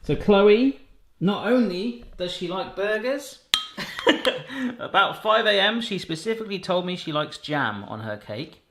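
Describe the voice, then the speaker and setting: A man's voice: sits high, expressive, measured pace, a bit bright. A man hosting a home cooking vlog, chatting and joking as he explains each baking step in his kitchen. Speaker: cooking channel host. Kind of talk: casual cooking vlog chat. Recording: echoey room with faint noise.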